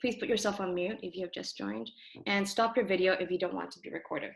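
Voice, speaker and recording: A young Toronto woman whose first language is Cantonese hosts a community group video call from her apartment, recorded through her computer. Her medium-pitched, gravelly voice moves fast with fairly even intonation, and the recording quality is low. She gives a casual, earnest introduction to the online talk, thoughtful and full of ums and self-corrections.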